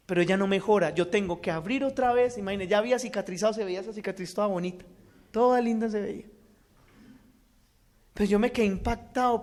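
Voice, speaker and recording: A man gives an earnest religious testimony, shifting between loud and hushed. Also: sits high. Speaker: speaker giving a testimony.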